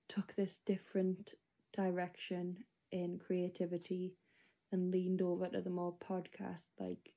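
A woman's voice: on the low side, mellow. A 25-year-old woman rambling through a spoken diary entry, casual and full of fillers. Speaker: podcast host.

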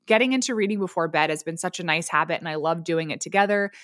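A woman's voice: lowish voice, quick pace, fairly bright tone, no echo, clean studio sound. Candid woman hosting a solo podcast. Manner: candid, conversational, lists routines item by item. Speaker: podcast host. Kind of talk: solo podcast, answering listener questions. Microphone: studio podcast mic.

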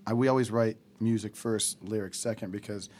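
A man's voice: on the low side, steady tone, brisk, darkish tone, slight background noise. A man, a band member, talking casually on a podcast and rambling through stories with many fillers. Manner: rambling, laid-back storytelling with many fillers.

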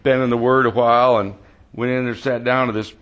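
A man's voice: medium pitch, flat delivery, fairly quick, a bit bright. A man preaching a sermon in a conversational way, often asking the congregation questions and repeating words as he searches for phrasing.

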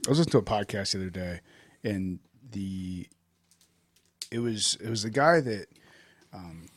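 Low-voiced hesitant podcast host man. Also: normal speed, dry recording. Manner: relaxed, hesitant with many "um"s. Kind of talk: casual interview chat.

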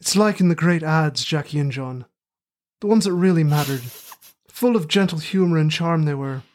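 A man's voice: on the high side, moderate pace, darkish tone, slight background noise, lightly acted. Man putting on an earnest rustic English Midlands accent. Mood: earnest, wistful. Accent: put-on rustic English Midlands. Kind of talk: mock-heroic film monologue parody.

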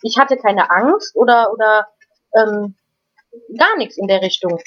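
A woman guest in an interview, telling a personal story in a casual, halting way with frequent restarts and repeated words. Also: medium pitch, lively intonation, a bit bright. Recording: dull lo-fi recording.

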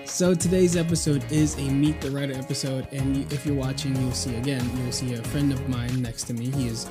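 A man's voice: mid-range voice, steady tone, a little fast. A young man hosting a podcast in casual, chatty talk, recorded in an echoey apartment room. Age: young adult. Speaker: podcast host. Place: echoey room in a new apartment, makeshift studio. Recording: echoey room, music behind.

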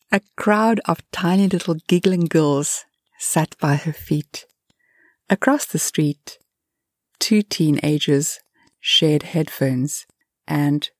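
Slow, gentle woman storyteller. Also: deep voice, dry recording, clean studio sound. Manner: gentle, unhurried, at times whispered. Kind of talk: storybook narration.

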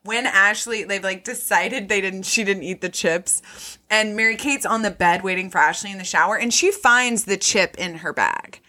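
A woman's voice: medium pitch, moderate pace, pushed and bright. A woman co-hosting a podcast, recapping a movie in loose, chatty talk full of "like" and casual swearing. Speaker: podcast co-host.

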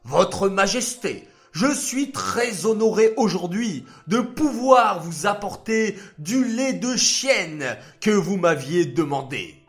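A humble servant in a storybook, earnest and eager to please his king, as a man puts him on. His voice is a little raised and slow. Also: high voice, big pitch swings, soft background music, voice pushed up, heavily acted. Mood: deferential. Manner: earnest, deferential.

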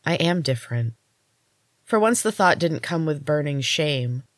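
A podcast host reads her own novel aloud as narrator in audiobook style. Her low voice is expressive and a little slow, and the recording is dry.

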